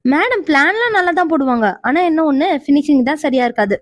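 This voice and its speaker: A woman voicing a bossy young woman in a cartoon who scolds and nags, sharp-tongued. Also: sits high, animated, a little fast, no room sound. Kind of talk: cartoon voice acting.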